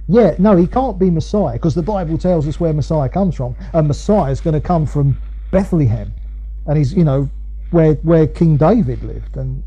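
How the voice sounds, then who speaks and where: A male preacher with an Essex accent explains scripture conversationally and with emphasis. His voice sits fairly high for a man yet is very mellow and rounded. He repeats himself to press a point and voices the arguments he quotes, on a somewhat dull, lo-fi recording. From Essex, England. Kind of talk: conversational expository sermon.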